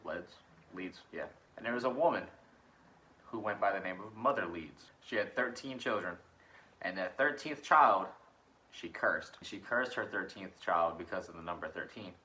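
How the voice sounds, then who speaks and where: A young man co-hosts a laid-back podcast chat, swapping cryptid stories and laughing often. His low, sharp voice moves at normal speed, with slight background noise and audio from a faulty microphone.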